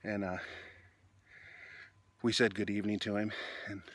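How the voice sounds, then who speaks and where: A man in his forties, out of breath and chatty, vlogging on a phone held at arm's length while walking a dark street at night. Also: lowish voice, little pitch movement, measured pace, no echo. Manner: tired, winded, chatty. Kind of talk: casual walking vlog. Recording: noisy outdoor phone recording.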